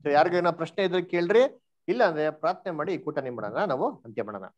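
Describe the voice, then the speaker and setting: A man's voice: a little high, animated, fast talker. Questioning male Bible teacher on a lo-fi call. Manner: quizzes the group, mixes in English words. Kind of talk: online Bible class teaching.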